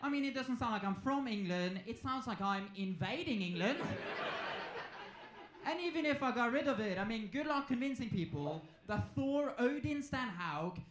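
On stage at a comedy club, a Norwegian comedian in his 20s chats through his set, acting out playful back-and-forths. He speaks at normal speed in a very high, fairly bright voice with lively intonation; the handheld mic captures echoing room noise.

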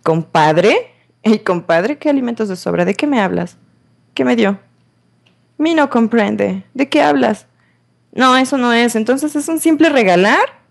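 A woman's voice: a little high, animated, normal speed, creaky. A woman giving playful, chatty let's play commentary as a gamer, talking to the game's characters in a teasing role-play.

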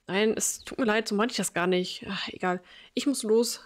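A polite, awkward young man, read by a woman in her own voice, hesitant and apologetic, with plenty of fillers. He keeps an even middle pitch. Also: normal speed, natural voice.

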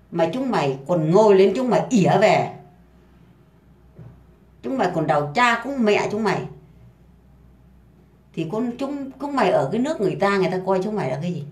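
A woman's voice: mid-range voice, a little mellow. Furious woman ranting in an echoey room. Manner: furious, coarse, insulting, hammering repetition. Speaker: housemaid ranting online. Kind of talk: angry profane rant. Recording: roomy echo.

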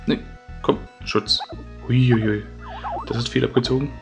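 Gravelly-voiced male gamer, live let's-play commentary, loud game music under him. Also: medium pitch, fairly even intonation, a little slow. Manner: eager urging of the game, repeated "komm". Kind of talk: gameplay commentary.

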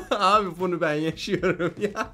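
A young man hosting a comedic reaction video, chatting in an animated, exclaiming way. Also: high-pitched, unhurried, soft background music. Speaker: YouTube reaction host.

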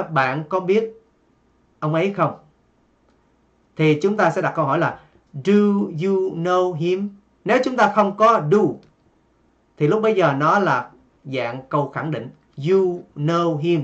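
A man's voice: on the high side, a bit bright. Man teaching English, lo-fi recording. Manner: explains slowly and drills English example sentences with rising intonation; many hesitation fillers. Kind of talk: recorded online lesson. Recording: dull lo-fi recording.

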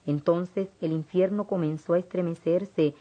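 A woman's voice: fairly low pitch, fairly even intonation, a little slow, mellow. A woman earnestly reading a first-person religious testimony aloud as narrator. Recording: dull lo-fi recording.

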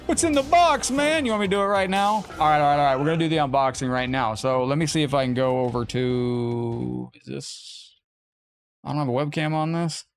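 A man live-streaming a game, chatting casually with viewers and his cat and getting excited during an unboxing. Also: medium pitch, fairly quick, creaky, soft background music.

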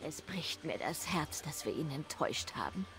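A woman playing a solemn, devout dark-elf priestess in a fantasy game, speaking formally. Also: low voice, sing-song, moderate pace, full character voice. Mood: reverent, sorrowful. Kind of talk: fantasy game dialogue acting.

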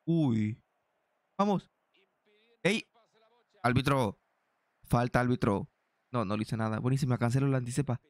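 A young man doing excitable play-by-play of his own football video game match for viewers. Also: mid-range voice, a little slow, pauses often, no echo. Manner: excitable, addresses viewers as "señores", shouts at big chances. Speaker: gaming YouTuber.

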